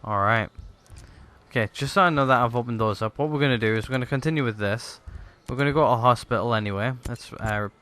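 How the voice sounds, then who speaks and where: Chatty bright-voiced gamer. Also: male voice, medium pitch, fast. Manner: chatty, rambling, many fillers. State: hiccups, voice tired. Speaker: gaming YouTuber. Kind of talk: let's play commentary.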